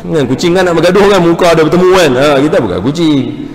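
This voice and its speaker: A man with a northern Malaysian accent giving a lively, humorous lecture in a large mosque hall, acting out little dialogues as he teaches. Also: a little high, fast. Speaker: religious lecturer. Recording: echoey hall with faint background hum.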